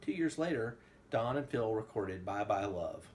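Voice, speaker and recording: Room ambience fills this noisy home recording of a father reading to his little girl. His fairly low, darkish voice swings widely in pitch at a normal speed, and he's enthusiastic and playful, drifting between the story and offhand comments and breaking into song.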